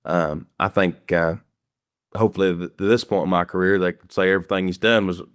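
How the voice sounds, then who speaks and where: A man with an Appalachian Kentucky country accent chats casually as an interview guest. His voice is deep and clear, recorded close and dry. He speaks in a folksy, plainspoken way, like a country musician. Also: fairly even intonation, brisk, no room sound.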